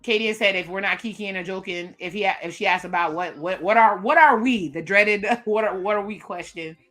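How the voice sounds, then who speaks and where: A woman's voice: mid-range voice, normal speed, a bit bright, faint music behind. A woman hosting a live reaction stream, casually recapping and commenting on a dating show. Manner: casual, recaps what cast members say, chatty asides. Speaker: reaction video host.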